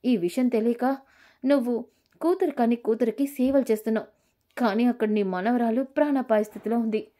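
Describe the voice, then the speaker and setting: A woman's voice: on the high side, steady tone, fairly quick, dark tone, natural voice. A woman voicing a scheming, spiteful young woman who taunts her rival. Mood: taunting. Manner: taunting, sneering.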